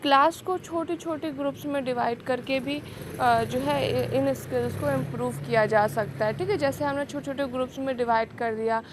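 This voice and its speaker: Fairly high-voiced woman lecturing on pedagogy. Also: fairly even intonation, normal speed, noisy background. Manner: explains in Hindi mixed with English terms, frequent "ठीक है" check-ins. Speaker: teacher exam coach.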